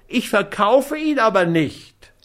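A man's voice: sits high, animated, slow pace, fairly bright tone, voice pushed up, heavily acted. A man reading an audiobook, voicing a cowardly, whining man who sulks and grumbles. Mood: whiny. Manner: whining, fearful, grudging. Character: whiny cowardly man, sullen dog owner. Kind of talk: audiobook character voice.

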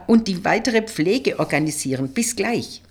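A woman voicing a dry, quick-witted woman detective. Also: mid-range voice, lively intonation, breathy edge, voice pushed up. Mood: flustered.

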